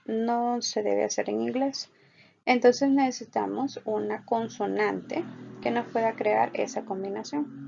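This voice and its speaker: Slow, gravelly-voiced woman teaching. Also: medium pitch, warm tone. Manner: slow, patient explaining, repeats example sentences slowly. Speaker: English teacher. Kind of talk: online language lesson. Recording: dull lo-fi recording.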